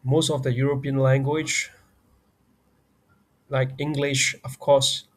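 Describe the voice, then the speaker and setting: A man's voice: medium pitch, flat delivery, slow pace. A man with a Burmese accent, a native Burmese speaker, teaching a beginner language lesson and repeating each example phrase twice.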